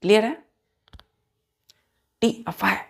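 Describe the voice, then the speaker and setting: A woman's voice: mid-range voice, slow, creaky, husky. A woman teacher giving a vocabulary lesson, spelling words out letter by letter and asking questions of her students.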